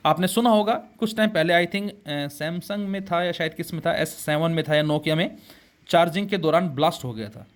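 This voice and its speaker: In a classroom physics lecture, a man with a higher-pitched voice talks at a normal speed, blending Hindi with English terms. He calls the students beta and asks questions only to answer them himself.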